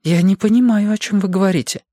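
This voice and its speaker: A man's voice: high voice, quick pace, mellow, no room sound, clean studio sound, voice pushed up. A man reading a story, voicing a nervous young female office worker who denies everything. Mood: defensive. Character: nervous young woman clerk, defensive.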